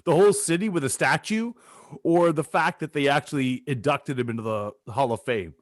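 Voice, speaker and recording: A man's voice: on the high side, moderate pace, no echo, studio quality. A man co-hosting a sports show over a video call, joking and laughing often as he teases his co-host. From Canada.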